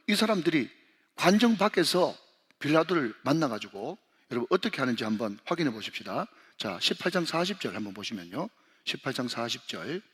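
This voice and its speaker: A fairly high, bright, husky male voice comes from a senior pastor preaching in a church sanctuary. Long hall reverb fills the recording as he speaks directly to the congregation, calling on them to read along.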